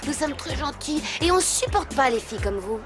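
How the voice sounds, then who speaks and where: A woman's voice: high voice, expressive, over music. An indignant teen schoolgirl. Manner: indignant, quick. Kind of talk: French dub of a TV series.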